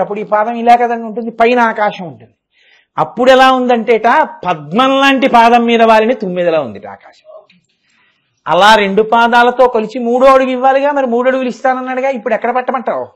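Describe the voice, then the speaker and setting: A man giving a devotional discourse, chanting verses slowly and explaining them with fervent rhetorical questions. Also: sits high. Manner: rhetorical questions and emphatic repetition. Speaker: religious discourse speaker.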